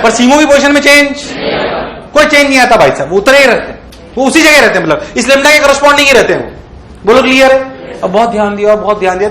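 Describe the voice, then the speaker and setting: A man lecturing on physics in a lively way, often asking the class if it is clear. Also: high-pitched. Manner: acts out electrons in playful voices. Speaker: physics teacher. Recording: echoey classroom.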